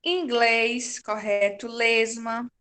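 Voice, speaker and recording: A woman teacher, giving a patient, slow-paced class to young children and confirming their answers. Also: a little high, little pitch movement, bright, forceful tone. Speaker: primary school teacher.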